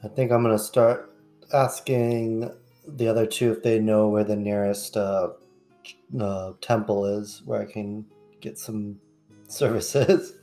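A man with a fairly low voice talks through his moves in a tabletop game. He has an easygoing stoner drawl, casual and loose, over guitar music. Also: fairly even intonation, takes it slowly, mellow. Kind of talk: casual in-character game chat. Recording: music playing behind.

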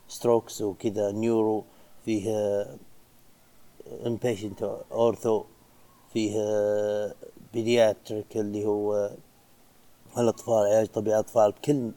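A man's voice: lowish voice, mellow. A young man, a physiotherapy trainee giving casual advice and dropping in English phrases. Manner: chatty, mixes in English phrases.

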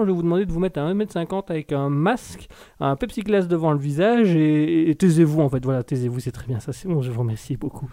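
A man hosting a live stream, joking and mocking himself in casual chat. He is a little ill and keeps clearing his throat. His voice sits on the high side and sounds dry and close. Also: warm tone, no echo.

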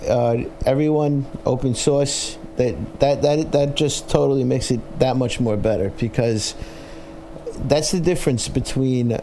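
A man with a Brooklyn accent hosting a casual interview, enthusiastic but halting, often repeating his words. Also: mid-range voice, dark tone, slight background noise, poor audio. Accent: Brooklyn, New York. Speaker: interviewer, host.

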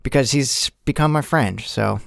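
A man's voice: medium pitch, moderate pace, vocal fry, a bit bright, no room sound, clean studio sound. A man playing a tabletop game, chatting casually in character in a rambling, slangy way.

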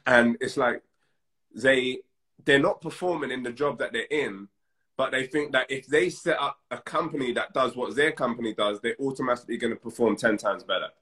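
A man guesting on a podcast, talking emphatically and backing up the host with quick affirmations. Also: mid-range voice, sharp tone. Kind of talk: casual podcast chat.

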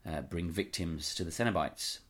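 Male podcast co-host, very deep voice, eager, rambling casual chat. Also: normal speed, fairly bright tone, breathy edge. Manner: enthusiastic, trails off and restarts, quotes lines aloud. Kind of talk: casual chat about horror fiction.

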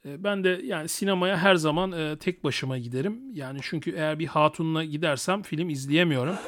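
Male podcast host, slightly high-pitched voice, improvised monologue, cocky and crude humour with frequent chuckling. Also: fairly quick, a bit bright. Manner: crude, boastful, joking; chuckles often while talking. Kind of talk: unscripted solo podcast monologue.

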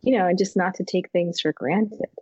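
A woman with a deep, mellow voice talks through her thoughts in a relaxed podcast chat. She circles back on her words with fillers and restarts, thoughtful rather than polished. The sound is dry and a little dull. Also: moderate pace, slightly rough, dry recording. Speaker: podcast co-host. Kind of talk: casual reflective chat.

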